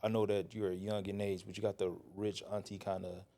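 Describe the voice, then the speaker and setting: A man hosting a casual interview, asking questions haltingly as he searches for his words. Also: lowish voice, level tone, dark tone. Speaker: podcast host.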